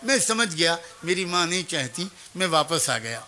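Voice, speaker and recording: A man's voice: fairly high pitch, big pitch swings, bright, forceful tone, slight background noise. A man preaching a storytelling sermon, earnest and emotive, turning to address his listeners directly.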